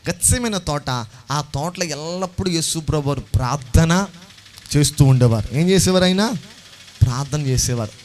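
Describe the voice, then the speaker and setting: A man preaching a sermon as pastor, repeating phrases and building to loud exclamations as he calls on the congregation to answer back. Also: a little high, normal speed, slight background noise. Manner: call-and-response preaching, urging the congregation to answer louder.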